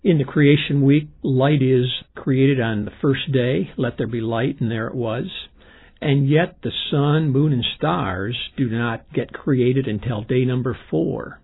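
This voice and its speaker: Husky, creaky-voiced man explaining science. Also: mid-range voice. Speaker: expert interviewee, science lecturer. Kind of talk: explanatory documentary commentary. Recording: dull lo-fi sound, music behind.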